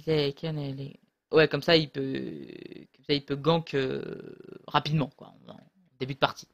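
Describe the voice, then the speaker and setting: A man talks through his own game in a loose, rambling way, stopping and restarting often. His voice sits a little high. He is recorded close on a desk mic. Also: level tone, normal speed, creaky, fairly bright tone, muffled recording. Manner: rambling, hesitant, many fillers and restarts. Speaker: gamer commentating his own match. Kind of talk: casual gameplay commentary.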